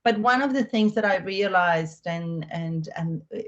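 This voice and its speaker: This middle-aged Argentine real estate agent, with an Argentine Spanish accent, talks in a lowish, unhurried voice over lo-fi audio with slight background noise. Her interview is conversational, chatty and upbeat, peppered with fillers and restarts.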